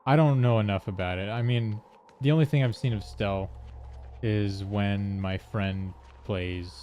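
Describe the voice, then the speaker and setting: A man's voice: fairly low pitch, a little slow, dark tone, highs cut off, slight background noise. A man giving casual gameplay commentary, rambling with joking asides. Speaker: game streamer. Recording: faint game music behind.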